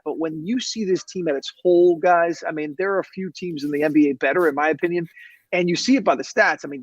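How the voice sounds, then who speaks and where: Sports reporter guy on a call, fast and chatty, emphatic, dry but kinda lo-fi sound. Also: on the high side, no echo. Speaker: TV sports reporter, studio host, guest. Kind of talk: casual sports analysis. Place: TV newsroom.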